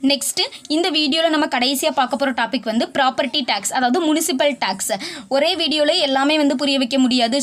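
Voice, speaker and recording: A woman's voice: high-pitched, a bit bright. A woman tutor explaining tax rules in a video lesson, mixing English legal terms into her talk and restating each point in plain words. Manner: mixes English legal terms into Tamil, reads rule text slowly.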